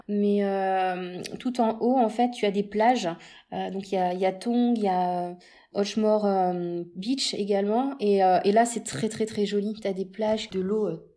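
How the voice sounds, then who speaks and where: A woman being interviewed, chatting casually about a trip, animated and full of hesitations and repeated words. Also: mid-range voice. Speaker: interview guest recounting a road trip.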